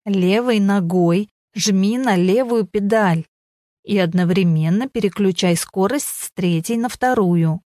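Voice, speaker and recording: A woman voicing a gruff man who shouts and swears while teaching someone to drive, in an audiobook. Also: mid-range voice, a little slow, dry recording, studio quality, lightly acted. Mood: exasperated shouting.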